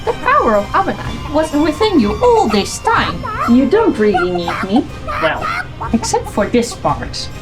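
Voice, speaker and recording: A woman's voice: on the high side, wildly swooping pitch, measured pace, over loud music, rough recording. A woman playing a plucky, flippant magical fox heroine in a playful, theatrical hobby film performance. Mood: tender, flippant. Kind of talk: hobby convention film acting.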